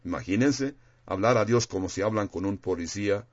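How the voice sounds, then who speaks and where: Male preacher, lowish voice, talks plainly like a chat with the congregation, dull lo-fi recording. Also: brisk. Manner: conversational, plain-spoken, reads scripture aloud. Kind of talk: sermon.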